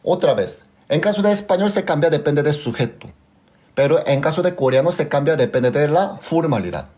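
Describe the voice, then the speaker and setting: Man, Korean accent, language teacher, patient, animated pitch, checks understanding often. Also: normal speed. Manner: asks students often if they understood; patient, repeats and drills examples. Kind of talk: live class explanation.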